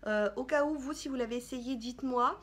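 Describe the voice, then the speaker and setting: A woman's voice: high-pitched, brisk. A woman vlogger chatting casually about products she bought, hesitating often with fillers. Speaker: beauty vlogger. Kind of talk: casual haul vlog chat.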